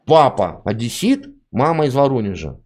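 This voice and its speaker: Male streamer host, mocking interrogator, medium pitch, very animated intonation. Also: normal speed. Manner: persistent, mocking questioning. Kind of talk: prank chat interrogation.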